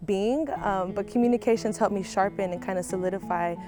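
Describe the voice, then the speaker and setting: A woman's voice: mid-range voice, brisk. A young woman student and activist talking casually in an interview outdoors on a campus. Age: young adult. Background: background music.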